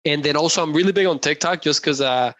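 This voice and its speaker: A man's voice: fairly high pitch, quick pace, fairly bright tone, no echo. A young man from Colombia, a guest on a podcast, talking in an upbeat, chatty way and laughing often. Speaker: guest, real estate investor. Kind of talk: casual interview chat.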